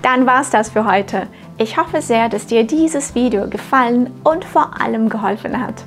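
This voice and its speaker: Woman, language teacher, scripted lesson, carefully articulated, slow pace. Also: on the high side. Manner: clear, encouraging teacher address to the learner. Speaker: German pronunciation coach.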